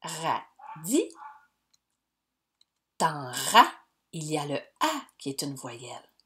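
A woman, teaching young pupils in a slow, clear, encouraging way. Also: low-pitched, big pitch swings, pushed and bright. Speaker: primary school teacher. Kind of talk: recorded lesson for young pupils.

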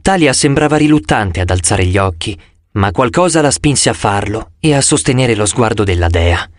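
A man reading an audiobook with animated first-person storytelling. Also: fairly low pitch, moderate pace, dry recording, studio quality. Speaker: audiobook narrator.

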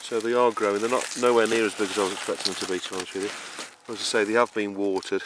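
A man with a fairly low, steady voice speaks fast during a casual camera tour of his vegetable allotment. As gardener and show host, he lays out his planting step by step but rambles, using many fillers and restarts. Rural ambience surrounds the noisy outdoor camera audio.

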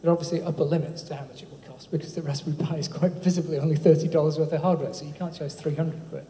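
In a large, echoey hall at a live event, a man presents his project in a casual, talkative tech talk full of ums and tag questions. He speaks very fast in a fairly high, warm voice with fairly even intonation, and faint room noise can be heard in the echoey recording.

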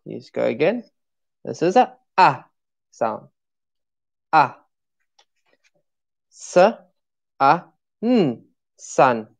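A woman with a low voice leads a live-streamed pronunciation lesson. She talks very slowly, drawing out each letter and word and encouraging listeners to say them along with her. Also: big pitch swings, creaky. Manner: slow, drawn-out sounding of letters and words; encouraging, asks viewers to repeat along. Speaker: English pronunciation teacher.

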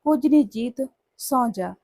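A woman reading a hushed aunt soothing her niece. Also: a little high, animated, measured pace, no echo.

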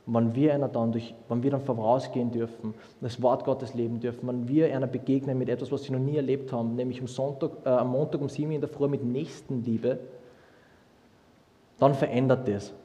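Young preacher in a reverberant hall. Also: male voice, mid-range voice. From Austria. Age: young adult. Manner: lively, humorous storytelling with many restarts. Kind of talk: sermon.

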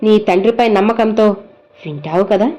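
A woman speaking as a gentle, fatherly male saint who consoles a crying devotee, with tender, coaxing questions. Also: medium pitch, normal speed, natural voice. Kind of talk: devotional message spoken as the saint.

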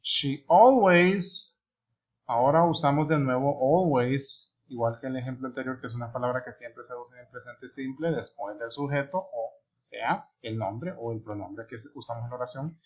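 Male English teacher, mid-pitched, slow deliberate examples, dull lo-fi sound. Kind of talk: online English lesson. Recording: dull lo-fi recording.

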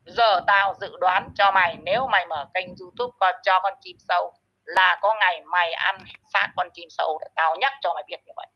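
A woman's voice: fairly low pitch, moderate pace, slightly rough. A woman hosting her own channel, ranting and scolding someone who is not there in a harsh, insulting commentary monologue. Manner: scolding, insulting, addresses absent target directly. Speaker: channel host. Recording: muffled lo-fi audio.

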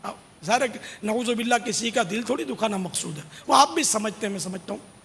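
In a long, reverberant hall with faint noise, a man who is a religious scholar gives a religious question-and-answer talk to a large gathering, explaining and admonishing. His voice is high, creaky, and fairly bright.

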